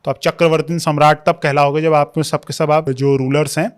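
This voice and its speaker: A man's voice: on the high side, level tone, a little fast, clean tone. A young man, a history scholar who explains at length in a podcast interview, mixing English terms into his Hindi. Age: young adult.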